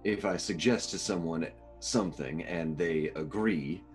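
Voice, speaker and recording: A man playing a tabletop game, laying out his plans in a measured way. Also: sits low, faint music behind. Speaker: player. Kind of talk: tabletop role-play.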